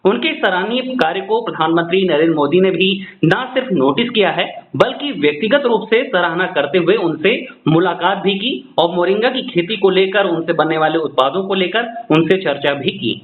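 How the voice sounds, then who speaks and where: A man's voice: high-pitched, animated, moderate pace, hardly any pauses. A man working as a radio correspondent, reading a formal news introduction and asking his guest polite questions. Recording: roomy, phone-like sound with faint noise.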